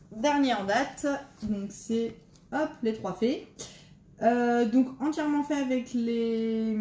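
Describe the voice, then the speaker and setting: A woman's voice: medium pitch, slight background noise. Hesitant woman chatting about art supplies. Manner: hesitant, many fillers and restarts, self-deprecating. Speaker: coloring vlogger. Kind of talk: casual chat showing art supplies.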